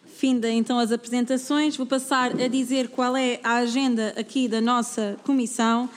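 A woman's voice: a little high, steady tone, normal speed, in a large hall. A woman in her thirties with a European Portuguese accent chairs a formal youth parliament committee session in a friendly, practical way, with many fillers. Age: 30s. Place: large parliament chamber.

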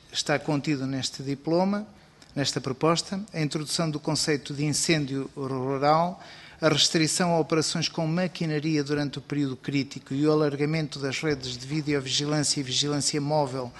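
Man, formal committee testimony, hesitant and bureaucratic, voice echoing in a long-reverb hall. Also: a little high. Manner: measured, bureaucratic, many hesitation fillers. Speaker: agency president giving testimony. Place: parliamentary committee room.

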